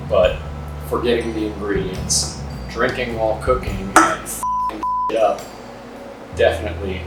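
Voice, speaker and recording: A man's voice: on the low side, far from the mic. A man chatting casually as a cooking vlogger, rambling and self-deprecating. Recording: roomy echo, off-mic, music behind.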